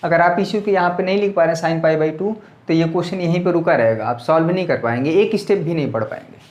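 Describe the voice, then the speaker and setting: This maths teacher talks fast at the board, his voice a little high and slightly mellow, with a touch of soreness in his throat. The audio is dull and the room echoes. Chatty and casual, he repeatedly checks in with students, asking "clear?"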